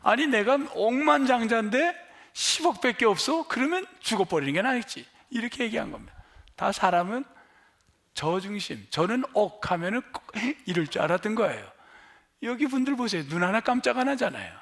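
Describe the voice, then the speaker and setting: Male pastor, middle-aged, lively sermon delivery, high voice that rises and falls widely, quizzes his congregation. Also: normal speed. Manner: animated, questioning the congregation and answering himself.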